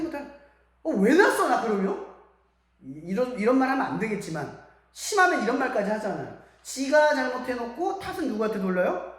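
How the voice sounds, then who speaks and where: A man preaches to a hall of students as a youth pastor. His pitch rises and falls a great deal, and he keeps putting questions to the listeners. The sound rings with heavy echo from a large church room. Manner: lively, asks the audience many questions and acts out quotes. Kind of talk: sermon to students.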